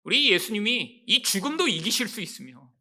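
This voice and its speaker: A man's voice: high voice, very animated, normal speed, sharp tone. A male pastor preaching a Sunday sermon, stressing his points with rhetorical questions and often turning to address the congregation. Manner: emphatic, rhetorical questions, repeats "여러분". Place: church sanctuary.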